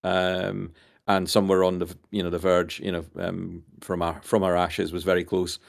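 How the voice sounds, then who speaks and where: A man's voice: low-pitched, monotone, moderate pace, gravelly. A man, a team captain, chatting casually on a stream, rambling with many repeated words and hesitations.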